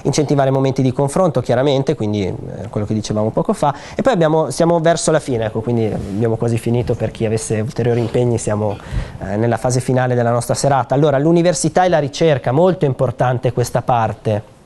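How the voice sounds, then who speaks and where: A man with a mellow, medium-pitched voice explains a proposed law to an audience in a theater. He talks conversationally, pausing on fillers and restarting sentences as he goes. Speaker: speaker presenting a bill at a public conference. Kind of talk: explanatory public talk. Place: theater hall.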